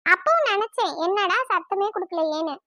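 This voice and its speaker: A woman voicing a cheeky young bride in an animated family series, teasing her new husband in a sing-song way. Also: very high-pitched, a little fast, no room sound, clean studio sound, full character voice.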